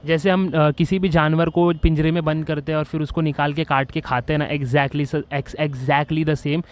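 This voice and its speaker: A man hosting a video, explaining his ideas in an earnest, excitable way with lots of restarts and English phrases mixed in. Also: on the high side, moderate pace. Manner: excitable, with frequent restarts and fillers. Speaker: video host. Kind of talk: casual explainer monologue.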